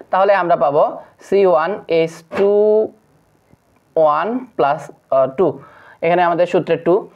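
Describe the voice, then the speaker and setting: A teacher giving a chemistry lesson to secondary students. The teacher recites long lists of compound names in a steady drill, pauses often on fillers, and addresses viewers as friends. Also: medium pitch. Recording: dull lo-fi recording.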